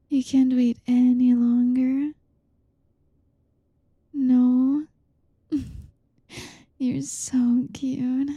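A young woman in an intimate whispered roleplay, softly teasing and coaxing with a breathy voice, close to the mic. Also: high voice, no echo, dull audio. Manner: teasing, coaxing, soft-spoken. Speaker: audio roleplay performer.

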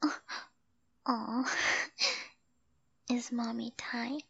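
A young adult woman speaking in a soft, hushed whisper with frequent sighs, performing an intimate roleplay. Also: on the high side, little pitch movement, drawn-out words, vocal fry, husky, no room sound, dull audio.

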